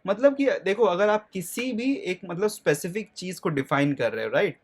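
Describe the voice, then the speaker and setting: A man teaching a grammar lesson. He asks questions and answers them himself, checks in often with listeners, and slows right down to spell out lists of words. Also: high-pitched, animated.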